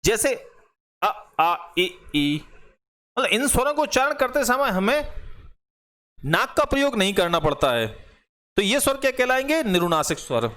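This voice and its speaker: High-voiced man teaching a grammar class. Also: big pitch swings, moderate pace, a bit bright. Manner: explains step by step, repeats examples aloud and asks rhetorical questions. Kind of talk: online Hindi grammar class.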